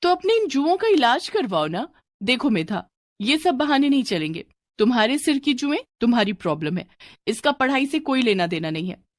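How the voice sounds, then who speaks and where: A woman's voice: a little high, very animated, moderate pace, no echo, studio quality, pitched above the performer's own voice. A woman voicing a strict female schoolteacher who scolds her class sharply. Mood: stern.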